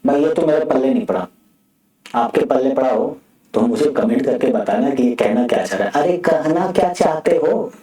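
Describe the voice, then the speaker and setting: A man's voice: mid-range voice, lively intonation, normal speed, warm tone. A man teaching an exam-prep maths lecture in a chatty way, with joking asides as he works through problems. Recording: echoey room, far from mic.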